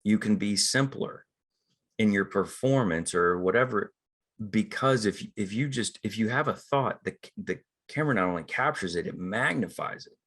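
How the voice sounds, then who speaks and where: A middle-aged acting coach speaks casually about screen acting, voicing the inner thoughts he quotes as if performing them. His voice sits on the low side and sounds animated and a bit bright, moving at a normal speed.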